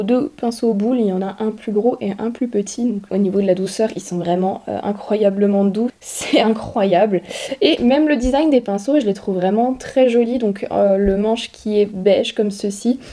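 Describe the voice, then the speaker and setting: Mellow-voiced woman chatting through a makeup haul. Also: mid-range voice, moderate pace. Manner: chatty, explains as she shows items, frequent fillers. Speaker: beauty vlogger. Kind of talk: casual product haul talk.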